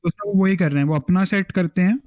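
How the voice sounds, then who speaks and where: Young Indian male podcast host, earnest explainer, slightly raised pitch, dry sound. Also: fast talker, a little mellow, no room sound. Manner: earnest, explains at length, mixes Hindi and English. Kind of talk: casual chat.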